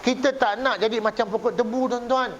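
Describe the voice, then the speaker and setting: Malaysian preacher, high voice, lo-fi. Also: male voice, fairly even intonation, fairly quick. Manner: jokey storytelling, acts out both sides of a dialogue. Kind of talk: mosque sermon with anecdotes. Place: mosque hall. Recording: dull lo-fi recording with faint hiss.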